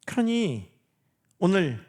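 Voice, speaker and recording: Male pastor, sermon delivery: reads scripture slowly, rhetorical questions, emphatic peaks falling to hushed whispers, animated pitch. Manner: preaching with rhetorical questions to the congregation; swings from loud emphasis to hushed near-whispers.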